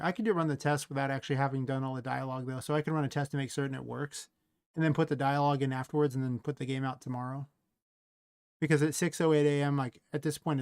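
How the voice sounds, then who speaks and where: Gravelly man musing to himself. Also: medium pitch, a little mellow, no echo, clean studio sound. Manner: rambling, talks to himself, trails off. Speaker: indie game developer streaming his work. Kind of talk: thinking aloud while working.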